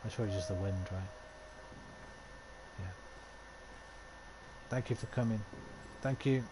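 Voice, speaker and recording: A man's voice: fairly low pitch, unhurried, heavy background noise. A man streaming a game with a sore throat, chatting casually with viewers, swearing offhandedly and reading the game's dialogue aloud. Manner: swears offhandedly, talks to chat between lines.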